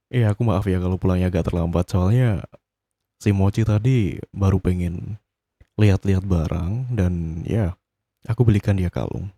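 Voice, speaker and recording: A man in whispered role-play as a doting, wealthy husband who talks softly and teasingly to his partner. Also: deep voice, a little slow, long pauses, no room sound. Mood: playful. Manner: soft, intimate, teasing boyfriend talk. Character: doting rich husband, possessive and gently scolding. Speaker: ASMR role-play voice actor.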